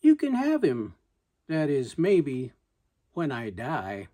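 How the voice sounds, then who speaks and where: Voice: mid-range voice, wildly swooping pitch, slow pace, dark tone, heavily acted. A reciter with a voicing a shy, tongue-tied, lovestruck young cowhand in a poem. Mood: bashful.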